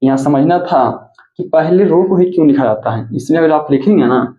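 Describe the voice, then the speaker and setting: A man's voice: a little high, animated, moderate pace. A male mathematics teacher giving a classroom lecture, who repeats points and asks and answers his own questions. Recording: echoey, tinny phone-like audio.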